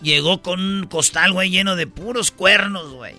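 A man's voice: high voice, moderate pace, pushed and bright, soft background music. A man with a Mexican accent, a radio comedy host who tells jokes in slangy speech, laughs often and acts out the characters. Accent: Mexican Spanish. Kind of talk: joke telling on radio.

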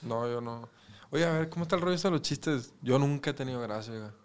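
A man with an ordinary, mid-range pitch. He talks in a laid-back, hesitant way, using plenty of slang, like a musician guest in a casual interview. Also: fast talker. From Mexico. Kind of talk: casual chat.

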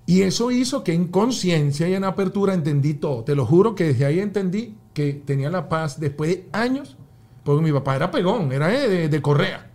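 A father appearing as a podcast guest tells a personal story conversationally, emphatic and animated, acting out the shouts he describes. His voice is on the high side and fairly quick.

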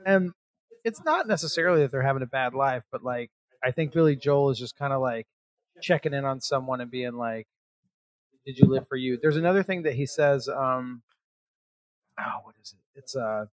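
A man's voice: mid-range voice, lively intonation, normal speed, dry recording. Chatty man co-hosting a music podcast. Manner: chatty, lots of fillers and restarts. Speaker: podcast co-host. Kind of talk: casual music chat.

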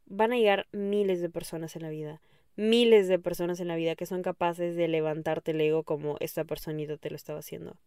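A woman hosting an advice podcast, speaking affectionately to the listener and often checking in with a quick question. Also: fairly low pitch, steady tone, dark tone, clear, resonant tone, dry recording, clean studio sound. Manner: affectionate, calls listener "mi amor", keeps asking "¿ok?". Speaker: podcast host. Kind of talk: advice monologue.

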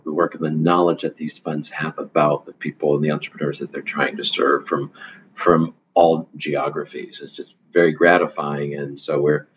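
A man answering interview questions in a measured way, often restarting his sentences. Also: extremely low pitch, a little hiss or hum. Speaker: guest, foundation leader. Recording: dull lo-fi audio.

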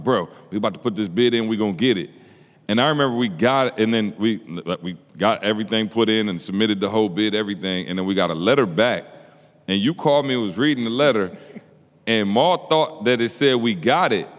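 A man co-hosting a podcast, telling a story in casual chat and acting out the quotes with lively jumps in his voice. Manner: animated, acts out quotes with pitch jumps. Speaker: podcast co-host. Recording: long hall reverb.

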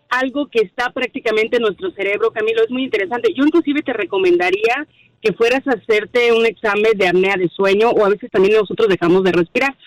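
A woman, calmly explaining dreams and spiritual matters as a radio guest. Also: fairly high pitch, no room sound, rough recording. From Mexico. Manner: calm, explanatory, spiritual advice. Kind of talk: advice on a radio show.

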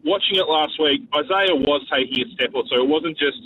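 An Australian man phoning a sports talkback show, speaking casually in a halting, laconic way. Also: on the high side, far from the mic. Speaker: radio talkback caller. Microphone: phone. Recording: tinny, noisy phone line.

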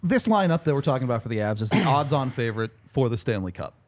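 A man with a mid-range voice works through sponsor reads as a podcast host. He sounds conversational and off the cuff, turning the sales pitch into a loose, jokey chat. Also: big pitch swings, fast talker, a little mellow. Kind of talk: casual ad-libbed ad read.

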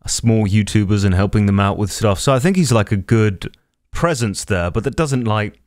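A man's voice: on the low side, moderate pace, a little mellow, no echo. A man co-hosting a casual podcast, recorded close and dry. He states his opinions bluntly and swears freely. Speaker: podcast co-host.

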